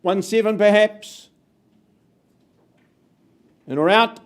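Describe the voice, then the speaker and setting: Guy doing live auction calls, pretty high voice, punchy counting down the bids to the room. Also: slow. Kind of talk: live property auction calling.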